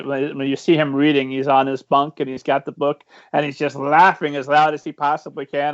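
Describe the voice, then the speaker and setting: Gravelly playful male interviewer. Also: medium pitch, no echo. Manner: playful, laughs easily, hesitant restarts. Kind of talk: casual interview. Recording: dry, dull lo-fi sound.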